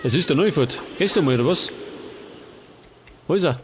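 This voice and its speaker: A man's voice: a little high, expressive, moderate pace, noisy background. A man with a Bavarian accent casually commenting on a life-sim game as a let's play host, chatting and grumbling at the characters.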